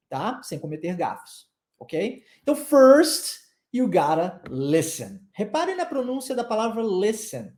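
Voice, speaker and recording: A Brazilian man teaches English in a lively, chatty way, repeating phrases for practice. His voice is mellow and dark. It is recorded in an echoey room. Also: high voice. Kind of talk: online English lesson in Portuguese.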